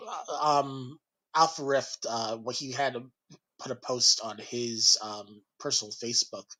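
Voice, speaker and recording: A man's voice: medium pitch, bright, forceful tone, poor audio. A man from New Jersey in a casual podcast chat, talking hesitantly, doubting himself and laughing often. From New Jersey, USA. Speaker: podcast host being interviewed.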